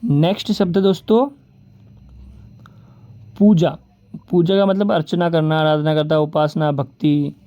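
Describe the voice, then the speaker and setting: A male coaching teacher with a slightly high yet mellow, dark voice. He runs through lists of synonyms and calls his viewers "friends". The recording sounds a little dull and muffled. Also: fairly even intonation. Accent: Rajasthani Hindi. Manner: lists words rapidly, repeating "ठीक है" and "बोलते हैं"; addresses viewers as "दोस्तों" and "भाई". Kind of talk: exam-prep vocabulary lesson.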